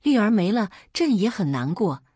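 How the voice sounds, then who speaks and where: A woman's voice: medium pitch, very animated, normal speed, warm tone, breathy edge, no room sound, clean studio sound, pitched above the performer's own voice. A woman voicing a grieving male emperor, speaking heavily and subdued. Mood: somber. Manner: heavy, subdued.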